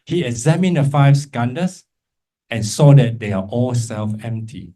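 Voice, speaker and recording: A Malaysian Buddhist teacher leads an interactive class, with remote listeners joining in, in a relaxed and encouraging manner. He explains things step by step and often checks in with quick tags like "right?" and "okay?". His voice sits at average male pitch with a dark tone, lively intonation and a measured pace.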